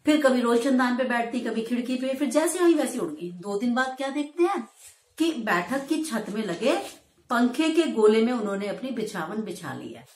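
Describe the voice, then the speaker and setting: A woman teacher explaining a story chapter to students, retelling it in a storytelling manner and playfully acting out the quoted lines. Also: a little high. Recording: echoey room.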